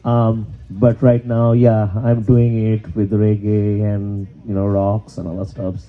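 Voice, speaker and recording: Male percussionist, lower register, casual interview talk, phone-like sound. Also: level tone, measured pace, soft background music. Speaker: djembe player in a band. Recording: tinny, narrow phone-like audio.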